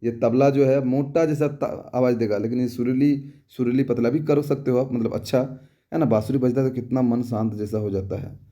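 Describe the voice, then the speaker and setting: A man's voice: mid-range voice, fairly even intonation, normal speed, mellow, dull audio. A young adult man teaching an exam-prep lesson in a casual, repetitive way, often asking if students have understood. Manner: repetitive, asks rhetorical check questions, homely examples.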